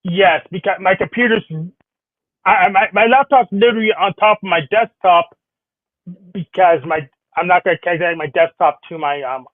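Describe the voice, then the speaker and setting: A man's voice: high-pitched, no room sound, narrow, tinny audio. A man chatting casually from his home office through a wireless earbud, heard on a thin, glitchy line, rambling and correcting himself as he goes. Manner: rambling, self-correcting, hurried. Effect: thin glitchy earbud mic sound. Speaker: co-host. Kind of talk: casual chat.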